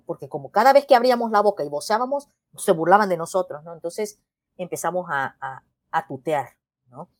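A middle-aged woman from El Salvador chats as an interview guest. Her voice sits low and the sound is dry and close. She talks thoughtfully, backing up to rephrase and checking in with the listener. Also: darkish tone, dry recording. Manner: thoughtful, with frequent restarts and "¿no?" tags. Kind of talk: casual interview conversation.

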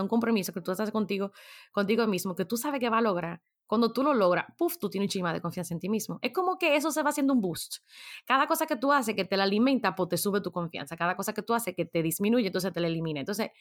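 Woman giving casual pep talk. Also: medium pitch. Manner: conversational, asks listeners many rhetorical questions. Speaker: motivational speaker.

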